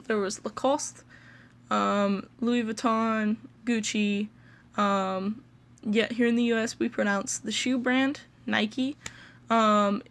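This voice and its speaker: Woman, Midwestern American accent, gravelly voice, hesitant, lots of ums, casual teaching. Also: mid-range voice, a bit bright. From United States. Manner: slow and hesitant, many ums and pauses. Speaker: pronunciation video host.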